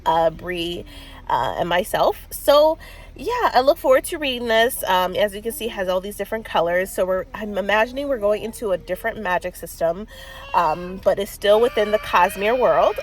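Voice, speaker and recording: Sitting in a car and stuffed up with a cold, a book vlogger in her thirties chats casually, rambling with lots of fillers and little laughs. Her mid-range voice is animated and moves at a normal speed.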